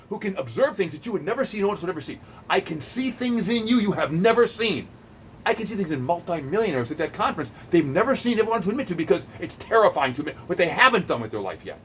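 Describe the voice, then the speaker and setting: A man's voice: sits high, a little hiss or hum. A man in his late fifties, a personal trainer, delivering an improvised, intense and direct monologue to camera with a boastful edge. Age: 50s. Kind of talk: improvised high-energy monologue.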